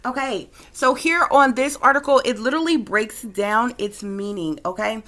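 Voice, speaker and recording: A woman's voice: a little high, normal speed, a bit bright. A woman hosting a spiritual video, talking loosely with frequent fillers, restarts and a habit of asking "okay?". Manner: repeats "okay?" often, with many fillers and restarts. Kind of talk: casual spoken video lecture.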